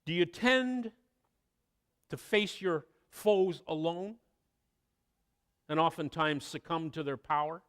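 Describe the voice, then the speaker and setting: A man preaching a sermon, telling a story with expressive delivery and dramatic pauses. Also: fairly high pitch, smooth. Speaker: pastor.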